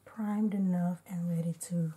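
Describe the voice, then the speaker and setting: With a fairly low, slightly hoarse and congested voice, a woman beauty vlogger chats at a measured pace and fairly even intonation, talking through each step of an unedited makeup tutorial while background noise is audible.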